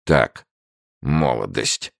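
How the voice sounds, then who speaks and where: A man's voice: extremely low pitch, animated, drawn-out words, creaky, no room sound, clean studio sound, exaggerated voice. A man voicing a wheezing, grumbling old bargewoman in an audiobook. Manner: short-breathed, grumbling.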